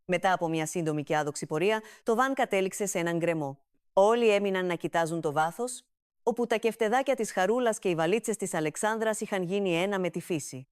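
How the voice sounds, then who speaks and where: Recorded close to the mic with a clean, echo-free tone, a woman with a medium-pitched voice narrates a comic family story. Her storytelling delivery stays even and steady.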